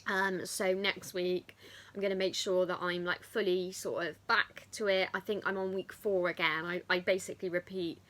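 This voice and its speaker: A woman's voice: on the low side, little pitch movement, moderate pace, a bit bright. A woman chatting casually as a fitness vlogger, rambling off on tangents. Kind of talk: casual chat to camera.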